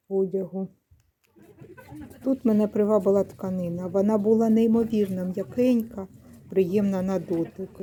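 A woman's voice: mid-range voice, warm tone. A middle-aged woman vlogging casually about secondhand clothes. She explains each item unhurriedly and corrects herself mid-word. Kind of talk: casual vlog commentary. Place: secondhand shop, indoors.

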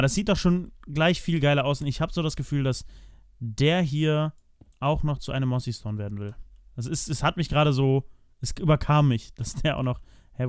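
A young man chats his way through a building session, addressing his viewers as friends and thinking aloud as he places blocks. His voice sits at an ordinary middle pitch. The sound is dry and close, with no room echo. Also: darkish tone. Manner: chatty, talks to viewers as "meine Freunde"; thinks aloud while building, frequent restarts and fillers. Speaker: let's play host. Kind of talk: casual gameplay commentary.

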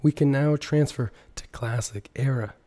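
A man who is sick with a sore throat and has nearly lost his voice, hoarse and strained and breaking into a whisper, giving casual gaming news commentary as the video's host. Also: mid-range voice, moderate pace, dark tone.

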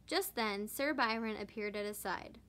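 Woman with a bright storybook voice. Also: medium pitch, moderate pace. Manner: expressive, animated narration. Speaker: teacher reading aloud. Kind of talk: storybook read-aloud.

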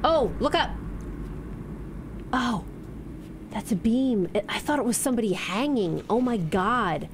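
A woman's voice: a little high, animated, a little slow, pauses often. A woman in her thirties giving casual, jumpy, exclamatory commentary as co-host of a horror game playthrough on a headset mic. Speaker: gaming co-host. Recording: loud game noise behind voice.

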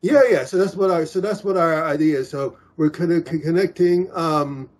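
On a laptop-webcam video call in a small room, a man in his forties who runs singles events speaks at a moderate pace. His voice is on the high side and darkish, and the casual talk is peppered with fillers and restarts.

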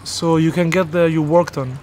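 Energetic bearded man, fairly high voice. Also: moderate pace, a little hiss or hum. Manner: energetic, emphatic, animated with hand gestures. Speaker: host. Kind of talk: casual interview and review. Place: open-air boxing gym, then outdoor garden.

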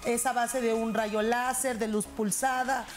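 A woman co-hosting a studio TV interview, chatty and quick to finish the guests' sentences. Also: on the high side, flat delivery, over music. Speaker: TV show co-host. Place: TV studio set.

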